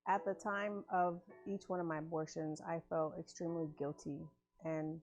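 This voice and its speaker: A woman in her thirties giving a quiet, subdued personal testimony. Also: sits low, flat delivery, normal speed, dull audio, faint music behind. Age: 30s. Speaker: testimony speaker.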